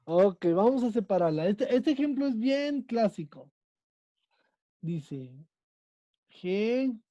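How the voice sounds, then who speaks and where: The recording is dry and muffled as a man with a Mexican accent teaches an online Spanish lesson, quizzing his students and checking in over and over. His voice sits high and sounds mellow.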